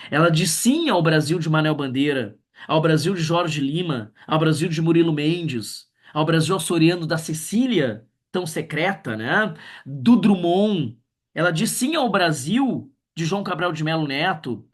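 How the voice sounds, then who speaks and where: A man teaches a literature class in a livestream, with a voice pitched a little high for a man. He talks in an animated way, reads poems aloud with feeling and keeps checking in with his students. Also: unhurried. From Brazil.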